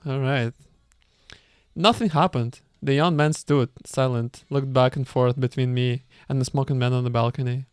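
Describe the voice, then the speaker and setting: A man's voice: mid-range voice, steady tone, moderate pace, few pauses, clean tone, no room sound. Man, reader, book read-aloud with asides, stumbling, dry close sound. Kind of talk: reading a book aloud with commentary.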